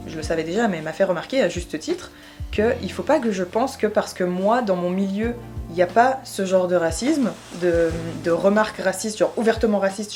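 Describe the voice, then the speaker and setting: A young woman from Switzerland, explaining her views in a casual vlog, pausing often with fillers. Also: mid-range voice, darkish tone. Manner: thoughtful, hesitant, many fillers. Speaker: YouTuber.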